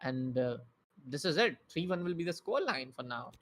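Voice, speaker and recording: Excited, bright-voiced male esports caster. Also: on the high side. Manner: excitable, rapid, with many fillers and restarts. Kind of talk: live play-by-play game commentary.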